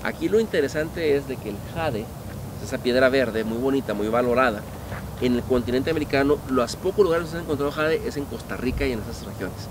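A middle-aged man, a museum guide telling old legends in an animated, storytelling way, putting questions to the audience. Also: mid-range voice, quick pace. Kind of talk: storytelling tour explanation. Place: outdoor park museum among statues. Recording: outdoor background noise.

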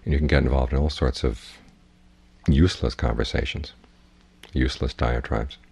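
A husky-voiced man, speaking as a Buddhist teacher, leads a guided meditation with measured, plainspoken instruction. His bass voice holds a steady, somewhat dark tone.

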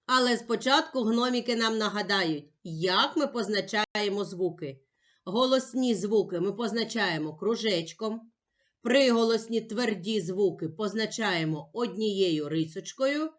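A woman teaching young children in a patient, emphatic way, sounding out each letter slowly. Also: mid-range voice. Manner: patient, sing-song and emphatic, spelling out sounds one by one. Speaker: primary school teacher. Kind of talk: slow, clear classroom instruction for young children.

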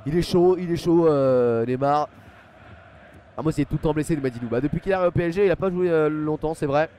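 A man's voice: a little high, fairly quick, mellow, slight background noise. A young man hosting a live football stream from home on a headset mic, chatting casually with many fillers and thanking viewers by name. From France. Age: young adult. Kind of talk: live pre-match football commentary and chat reading. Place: small home room at a desk. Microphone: headset microphone.

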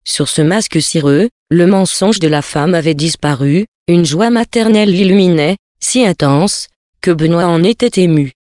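A man reading a French novel aloud as an audiobook narrator, in a measured literary manner, giving the characters small shifts of voice. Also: on the high side, a little mellow, no echo, studio quality.

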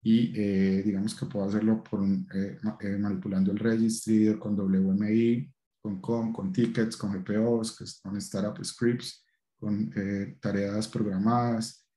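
Man, low mellow voice, hesitant with fillers, webcam talk in an echoey room. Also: little pitch movement, measured pace. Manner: hesitant, frequent fillers and restarts. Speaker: presenter. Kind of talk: technical meetup presentation.

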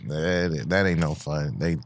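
A man's voice: rumbling low, unhurried, slight background noise. A young man with a Midwestern American accent, a guest on a casual studio podcast, telling his story in a laid-back way with laughs and restarts. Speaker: guest rapper. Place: small studio with dark backdrop. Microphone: studio mic with headphones.

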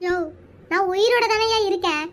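A woman voicing a shrill, nagging village housewife in a cartoon. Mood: scolding. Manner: shrill, nagging, quick to scold. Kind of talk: animated cartoon dialogue.

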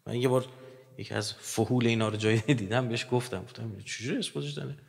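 A man giving a religious lecture in an animated, joking manner, his voice rising loud and dropping quiet. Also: medium pitch, creaky. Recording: long hall reverb.

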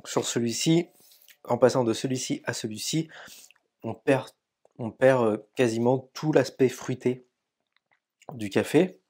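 A man's voice: medium pitch, measured pace, pauses often, dark tone, husky. Chatty French man tasting coffee. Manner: chatty, many fillers, describing flavors. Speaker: coffee YouTuber. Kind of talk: casual coffee tasting vlog. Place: home coffee studio, indoors.

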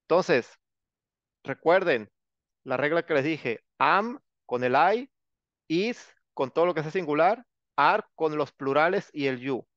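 A man's voice: on the high side, animated, takes it slowly, a bit bright, no echo. Male teacher, chatty and teasing, slightly raised voice, dry and dull lo-fi audio. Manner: chatty, teasing, coaxes students to speak up. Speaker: English teacher. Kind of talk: online class lecture.

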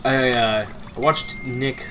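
A slightly nasal young man with a medium-pitched, steady, sharp-toned voice speaks extremely slowly over slight background noise. As a let's play co-host chatting beside someone playing a game, he is talkative, repeats words, and leans heavily on fillers and restarts.

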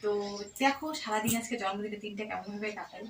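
A woman's voice: medium pitch, fairly quick, background noise. A middle-aged woman with a Bengali accent, chatting casually to viewers in a home vlog. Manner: lively, chatty. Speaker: vlogger. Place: bedroom at home. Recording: roomy, distant phone camera.

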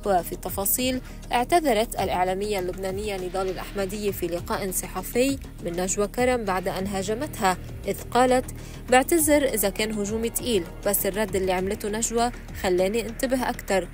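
A woman narrates scripted entertainment news in a mid-pitched voice. She reads at a quick pace over faint background music. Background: soft music.

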